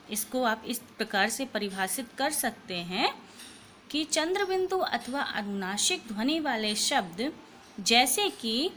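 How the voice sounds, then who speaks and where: A woman teaching a Hindi lesson to children, explaining slowly and patiently and repeating each sound. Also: on the high side, fairly bright tone, a little hiss or hum.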